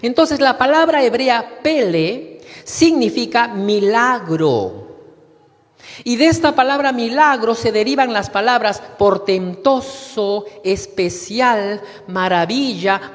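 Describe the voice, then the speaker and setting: A man's voice: high-pitched, animated, slow. A man preaching a sermon, reading scripture aloud and calling the congregation brothers. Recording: long reverb of a hall.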